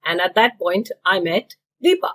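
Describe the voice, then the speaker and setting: A woman's voice: fairly low pitch, sing-song, moderate pace, fairly bright tone, poor audio. A woman from India, a business owner, answering interview questions in a matter-of-fact way.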